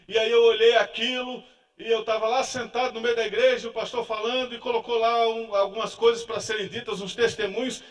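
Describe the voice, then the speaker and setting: A Brazilian man preaching a sermon as a pastor, telling a personal testimony and acting out the voices of others, swinging between loud and hushed. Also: extremely high pitch, recorded from a distance. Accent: Brazilian Portuguese.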